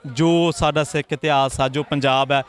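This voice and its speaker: A woman's voice: sits low, fairly even intonation, moderate pace, smooth. Lady reporter with a handheld mic, friendly easy questions, talking at a temple procession. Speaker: reporter host. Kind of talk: street interview. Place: at a Sikh temple street procession.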